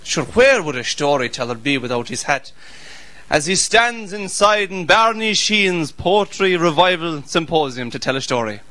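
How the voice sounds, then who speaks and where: An Irish man tells a humorous tale with a storyteller's lilt. His voice is high and bright, and carries with a sharp edge as he addresses a live audience. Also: big pitch swings, moderate pace, a little hiss or hum, rough recording. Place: poetry night in a bar.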